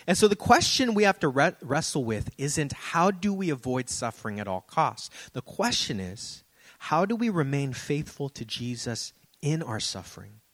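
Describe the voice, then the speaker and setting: A man preaching a sermon as a pastor, talking in an easy, conversational, storytelling way with a middle-pitched voice. The recording is close and dry, with little room echo.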